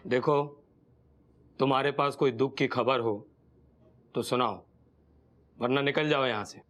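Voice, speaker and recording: A man playing a morbid deadpan doctor. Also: medium pitch, measured pace, natural voice. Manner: deadpan, morbid, sing-song delivery. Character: gloomy male doctor who delights in bad news.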